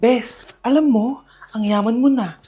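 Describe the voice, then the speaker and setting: A woman acting out short comedy sketches, lively and shifting between characters. Her voice sits high. Clear background music runs under her lines. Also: unhurried. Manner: lively, playing several characters. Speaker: comedy skit performer.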